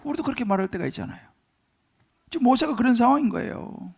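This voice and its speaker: High, gravelly Korean pastor preaching. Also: male voice, lively intonation, quick pace. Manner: dramatic, acts out pleading prayers, drops to whispers. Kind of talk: sermon. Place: church sanctuary.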